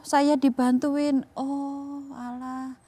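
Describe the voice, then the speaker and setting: A woman's voice: sits high, level tone, very slow, warm tone, no room sound. A woman giving a reflective, heartfelt personal account in a TV interview. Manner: reflective, heartfelt, acts out quoted voices. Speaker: co-founder of a rehabilitation home.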